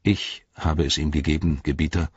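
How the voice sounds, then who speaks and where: A man's voice: a bass voice, little pitch movement, normal speed, slightly rough, dry recording. A man reading as a trembling loyal servant. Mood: nervous. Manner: nervous, apologetic. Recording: dull, lo-fi audiobook recording.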